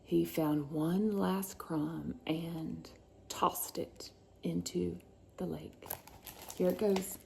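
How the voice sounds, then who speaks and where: A mother reads a picture book to her sons in a dramatic, suspenseful way, stretching out words and adding chatty asides. Her voice is low, steady, creaky and dark, and she speaks extremely slowly. There is slight background noise.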